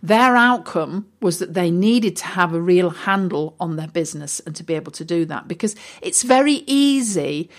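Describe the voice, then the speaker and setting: A woman's voice: on the low side, lively intonation, normal speed, hardly any pauses. A woman talking casually as a business coach and host, chatty with many fillers and restarts. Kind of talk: casual solo talk.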